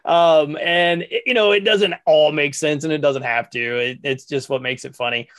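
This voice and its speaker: A man with a slightly raised voice hosts a casual podcast chat. He rambles along in a relaxed way, stacking up fillers as he retells events. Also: on the high side, normal speed. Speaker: podcast host.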